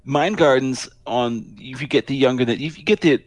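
Animated, exasperated man. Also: medium pitch, normal speed, dry recording. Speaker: podcast co-host. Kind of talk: casual music discussion.

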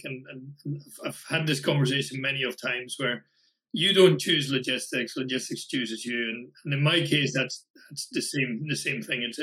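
Chatty Scottish man, bright voice. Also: medium pitch, poor audio. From Scotland. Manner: chatty, many fillers and restarts. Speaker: guest. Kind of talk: casual podcast interview.

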